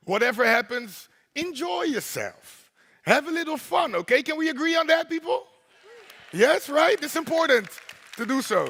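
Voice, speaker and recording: On stage in a large conference hall, a man with a very deep, sharp-toned voice acts as host and MC to open a congress. He's playful and rhythmic, drawing in the crowd with repeated "right?", and the hall adds a long reverb.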